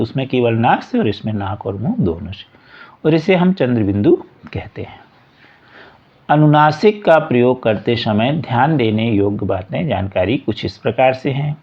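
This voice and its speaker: A man teaching a school workbook lesson, reading a passage aloud and then going through example words one at a time, patiently. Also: mid-range voice. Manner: slow, patient, repeats examples word by word. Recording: dull lo-fi recording.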